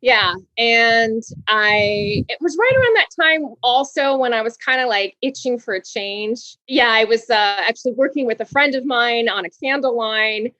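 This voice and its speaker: A woman's voice: fairly high pitch, normal speed, few pauses, bright, forceful tone, no echo, muffled recording. A woman from Hawaii being interviewed as a guest author, talking in a bubbly way and laughing often. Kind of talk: interview conversation.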